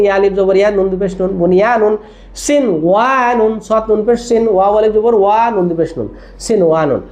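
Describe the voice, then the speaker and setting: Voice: mid-range voice, warm tone. A Quran recitation teacher giving a tajweed lesson, spelling words out letter by letter, drilling them, and often checking in with the listener. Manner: asks frequent check-in questions.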